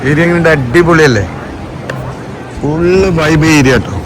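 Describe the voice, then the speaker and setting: A man's voice: on the high side, normal speed, over music, a crowd in the background. A man with a Malayali accent giving casual, chatty travel vlog commentary, mixing English words into his Malayalam and often tossing short questions to viewers. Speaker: travel vlogger. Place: outdoors on city streets. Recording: noisy outdoor street and traffic ambience.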